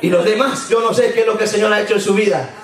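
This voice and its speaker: A man preaching a sermon in a church, impassioned and repetitive, his voice rising into shouts. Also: sits high, fairly even intonation, racing. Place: church hall. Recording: echoey hall from far off.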